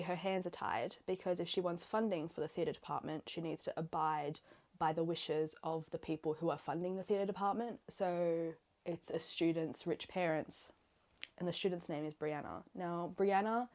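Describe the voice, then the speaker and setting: A fairly low, slightly mellow female voice belongs to an Australian book vlogger. She tidies clothes in her bedroom while casually rambling about a book, filling her talk with fillers.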